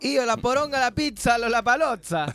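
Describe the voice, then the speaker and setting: A man's voice: extremely high pitch, moderate pace, a bit bright, soft background music, voice pushed up. A man putting on a comic, exaggerated mock-Italian voice. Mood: clowning.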